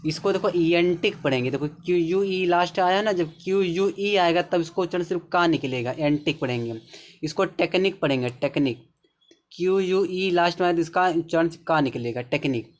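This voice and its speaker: The voice of a man with a Hindi accent sits high, and the highs are cut off in the audio. He gives a slow English pronunciation lesson, repeating words and regularly checking in with his viewer.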